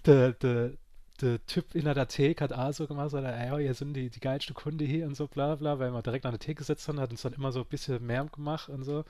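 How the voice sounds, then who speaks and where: A man's voice: medium pitch, steady tone, quick pace, mellow, dry recording. A man telling a casual anecdote, with many restarts and acted quotes. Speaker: storyteller.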